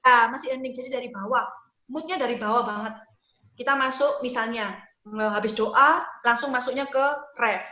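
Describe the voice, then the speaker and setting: A woman teaching worship leading in a casual, lively way, acting out prayer lines as examples. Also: a little high, normal speed, reverberant. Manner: lively, demonstrates prayer phrases and sings snippets.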